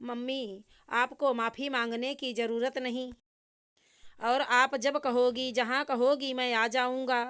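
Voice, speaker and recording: A woman's voice: high-pitched, flat delivery, fairly bright tone, smooth. A woman voicing a polite, worried young husband speaking respectfully to his mother-in-law. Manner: respectful, rushed explaining.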